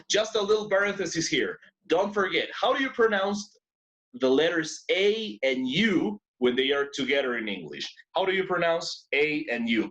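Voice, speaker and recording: A man's voice: fairly high pitch, a bit bright. A man teaching an English class in two languages, who repeats words and keeps praising his students. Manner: switches between two languages to explain.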